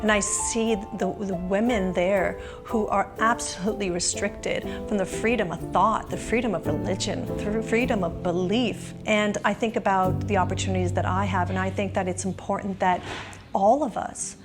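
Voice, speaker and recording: A woman's voice: medium pitch, steady tone, moderate pace. Earnest woman from Afghanistan over music. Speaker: business owner and nonprofit director. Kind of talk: documentary testimony over music.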